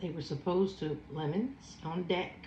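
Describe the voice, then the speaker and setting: A woman's voice: fairly low pitch, warm tone, roomy sound, a little hiss or hum, low-quality recording. A woman in her fifties with a Philadelphia accent, chatting casually while eating a seafood boil and savoring each bite. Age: 50s. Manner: slow, savoring, chatty with food sounds. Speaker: food vlogger.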